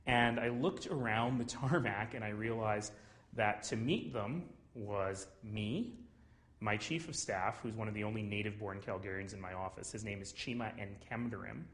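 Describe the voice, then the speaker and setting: A Canadian man in his forties speaks straight to camera from a small office, in a slightly low voice. He tells his stories earnestly, with an easy, conversational warmth. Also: moderate pace. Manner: earnest, storytelling, warm chuckles. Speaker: city mayor. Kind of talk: personal talk to camera.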